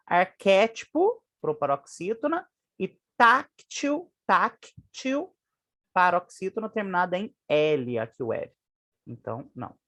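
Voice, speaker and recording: A woman's voice: lowish voice, dry recording, clean studio sound. A woman with a Brazilian Portuguese accent explaining exam questions as a teacher, chatty and checking in with her listeners often. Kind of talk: exam answer walkthrough lesson.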